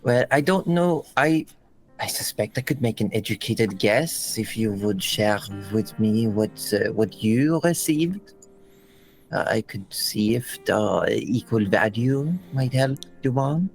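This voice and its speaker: A man running a tabletop game as game master, voicing characters in a measured, deliberate way. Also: mid-range voice, expressive, faint music behind, rough recording.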